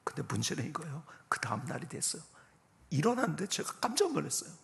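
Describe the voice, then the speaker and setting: A man in his fifties, a guest pastor giving a revival sermon with personal testimony, swinging from loud exclamations to soft whispers and asking the congregation questions. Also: a little high, sing-song, fast talker, vocal fry. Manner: addresses congregation directly with questions.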